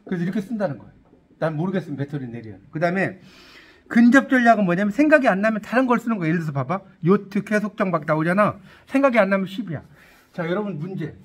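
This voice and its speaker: A fast-talking middle-aged man with a high voice teaches English in Korean, lecture-style. He stays lively, asking students questions and joking around.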